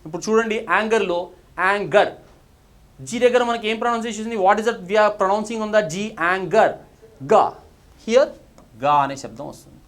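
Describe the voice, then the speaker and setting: A man's voice: sits high, moderate pace, fairly bright tone. A man with a Telugu accent teaching English pronunciation in a recorded video lesson. He moves between Telugu and English, asks the class questions and then answers them himself.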